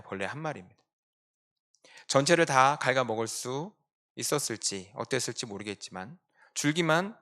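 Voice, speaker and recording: Preaching a Sunday sermon in church, a male pastor with a medium-pitched voice alternates between quiet, reflective asides and sudden emphatic bursts.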